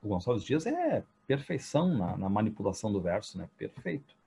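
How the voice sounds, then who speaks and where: A man teaching a literature class for entrance exams, retelling a story and often adding quick tag questions. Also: on the low side, big pitch swings, gravelly, dark tone, breathy edge. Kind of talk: exam-prep literature lecture.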